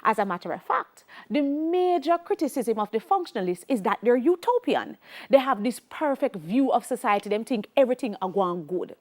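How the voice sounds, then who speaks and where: A woman's voice: a little high, very animated, normal speed. A middle-aged woman with a Jamaican accent teaching a televised sociology lesson, emphatic and repeating key points, slipping into Creole phrases.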